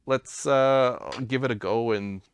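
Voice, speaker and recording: A man's voice: mid-range voice, a little slow, crowd noise. A man hosting a casual board game stream, explaining the rules with self-deprecating asides. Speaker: host.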